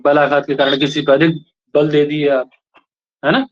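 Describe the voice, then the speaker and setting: His voice is on the high side with little pitch movement, and he keeps a moderate pace. This man from India lectures a class, explaining points and quizzing students with short questions, captured in a lo-fi classroom recording.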